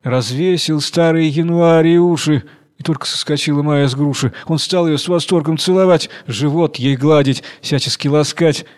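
A man narrating a rhymed verse tale in a steady, rhythmic reading. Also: fairly high pitch, normal speed. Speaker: audiobook narrator.

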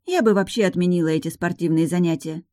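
A woman's voice: fairly low pitch, quick pace, mellow, no echo, studio quality, natural voice. A woman voicing a fussy, traditional young witch student who speaks emphatically. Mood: emphatic. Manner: indignant, emphatic. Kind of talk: audiobook narration.

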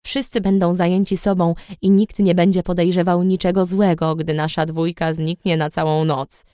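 A woman voicing a sly, charming young man who speaks quietly, in an audiobook reading. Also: flat delivery, moderate pace, no echo, studio quality, close to an everyday voice. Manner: hushed, low-key. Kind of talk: audiobook character voice.

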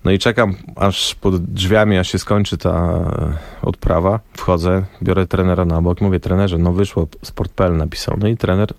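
Low-voiced man telling lively anecdotes. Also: moderate pace, creaky, hardly any pauses, dry recording. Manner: lively anecdotal storyteller, acts out quoted dialogue. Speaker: former national team press officer. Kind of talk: radio interview storytelling. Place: radio studio. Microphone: studio microphone.

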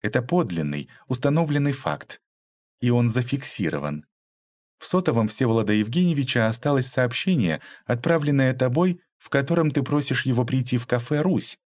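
A man's voice: medium pitch, lively intonation, moderate pace, a little mellow, no echo, voice pushed up, close to an everyday voice. A man reading an audiobook aloud, voicing a tough, ironic young woman detective who mocks and lectures. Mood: stern. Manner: mocking, cold, lecturing.

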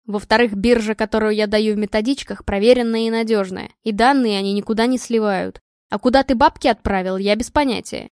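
A woman reading the part of a calm, sardonic young man who lectures his friend. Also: medium pitch, clear, resonant tone, no room sound, close to an everyday voice. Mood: lecturing. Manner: unhurried and dry.

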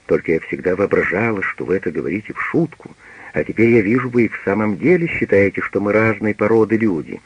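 A man's voice: on the low side, fast, noisy background, natural voice. A man voicing an old, embittered female servant who speaks bluntly and accusingly, on a dull radio recording. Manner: accusing, bitter.

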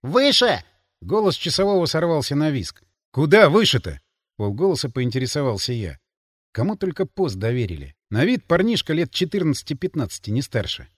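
A man's voice: fairly high pitch, big pitch swings, a little fast, no echo. A man narrating an audiobook with dry, wry asides. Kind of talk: scripted narration.

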